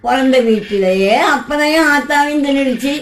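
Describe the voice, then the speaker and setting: A woman voicing a frail old grandmother who speaks slowly and low, with drawn-out words. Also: faint music behind, close to an everyday voice. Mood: grumbling. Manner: slow, low, drawn-out speech. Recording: echoey room.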